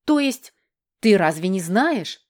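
A woman's voice: medium pitch, sing-song, takes it slowly, a little mellow. A woman reading an audiobook, voicing a whining, spiteful young male prince, the younger brother, in a raised, pleading voice. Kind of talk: audiobook character voice.

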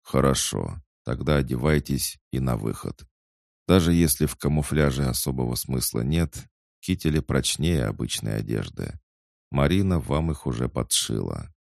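A man playing a stern adult commander who speaks in a measured, authoritative way. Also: extremely low pitch, expressive, vocal fry, darkish tone, dry recording, clean studio sound, exaggerated voice. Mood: briefing.

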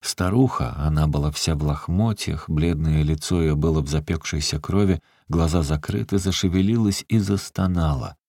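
Man, audiobook narrator, very deep voice, gravelly, dry close recording, measured storytelling. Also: mellow, no room sound. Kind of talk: scripted literary narration.

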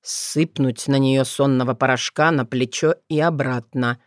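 A woman's voice: rumbling low, steady tone, unhurried, dry recording, clean studio sound, pitched below the performer's own voice. A woman narrator voicing a weary young man who grumbles and sounds resigned. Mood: grumbling.

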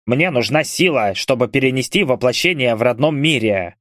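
A man voicing a smug male ghoul, a dark mage who drawls and sneers. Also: medium pitch, lively intonation, normal speed, dry recording, clean studio sound, close to an everyday voice. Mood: smug, mocking.

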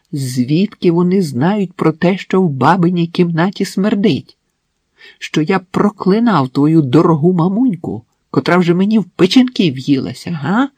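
A drunk, brutal husband, as a male audiobook reader puts him on, sneering and drawing out his threats slowly. The voice is husky and close, with no room around it. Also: on the high side, big pitch swings, darkish tone, no echo, full character voice. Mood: menacing. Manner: slow, menacing, mocking. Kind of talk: audiobook narration.

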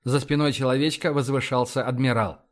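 A man narrating an audiobook in a lively storytelling manner. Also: medium pitch, a little fast.

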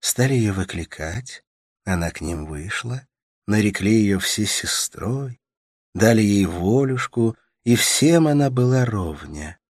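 A tender, lonely young woman who soothes and coaxes in a soft, lilting, sing-song way, as a male reader lifts his voice into her. The tone stays husky and close, with no room around it. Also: fairly low pitch, animated, slow pace, dry recording, pitched above the performer's own voice. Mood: storytelling. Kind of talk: audiobook character voice.

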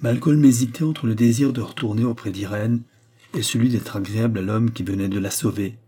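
Low, husky male audiobook narrator. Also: steady tone, a little fast, dark tone. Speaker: audiobook reader. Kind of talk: scripted narration.

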